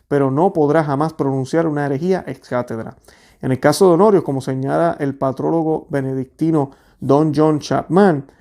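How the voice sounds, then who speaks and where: A man reading a history text aloud in a measured, steady way, then explaining it to his viewers. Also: on the high side. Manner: steady, measured reading with small restarts on words.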